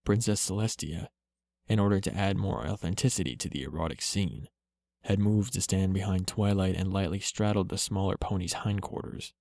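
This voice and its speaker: A man reading a story aloud in a slow, steady, low-key way. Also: gravelly, no room sound. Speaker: reader.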